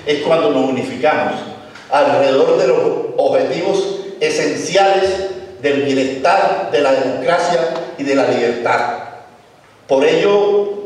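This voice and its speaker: A man with a Colombian accent giving a formal political speech as a union leader, oratorical, in measured, repeated phrases. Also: a little high. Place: large echoey hall, heard from far off. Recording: echoey hall, distant, faint noise.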